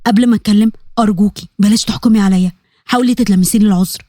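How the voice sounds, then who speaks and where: A woman's voice: mid-range voice, fairly even intonation, racing, no echo, studio quality, lightly acted. A woman voicing a remorseful young man. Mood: pleading. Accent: Egyptian Arabic. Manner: soft, earnest, confessional.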